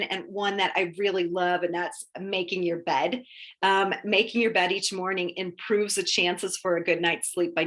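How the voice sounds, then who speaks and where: A woman's voice: on the low side, fairly bright tone. A woman presenting sleep and wellness tips in an informal webinar, explaining in a conversational, encouraging way. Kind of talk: informal webinar talk through a list of tips.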